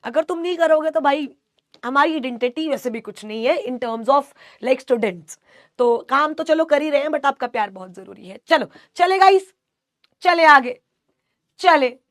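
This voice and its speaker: A woman's voice: sits high, expressive, a little slow, no room sound, clean studio sound. A woman teaching an online exam coaching class, reading students' chat questions aloud and answering with playful teasing.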